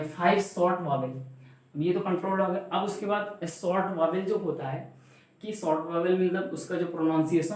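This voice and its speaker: A man's voice: sits high, a little mellow. A man teaching a class, repeating example words and asking the learners questions back. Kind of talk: classroom grammar lesson. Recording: very echoey room.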